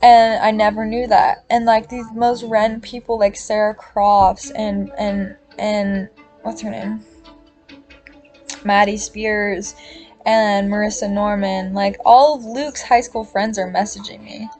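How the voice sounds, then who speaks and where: A woman's voice: medium pitch, flat delivery, slow, darkish tone, soft background music. A woman in her twenties talking in a casual confessional monologue, rambling and filling her speech with "like" and the odd swear word.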